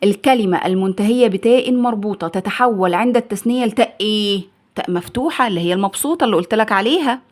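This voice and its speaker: A woman's voice: medium pitch, fast. A woman with an Egyptian accent, a primary school teacher, gives a grammar lesson for young children. She asks questions and then answers them in the pupil's voice. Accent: Egyptian Arabic. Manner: asks and answers her own questions, acting out the pupil's replies.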